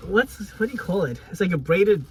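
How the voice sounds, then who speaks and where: A man's voice: high-pitched, sing-song, a little fast, a little mellow. A man co-hosting a casual podcast chat, rambling with lots of filler words and talking while he chews. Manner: talks while chewing. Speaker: podcast co-host.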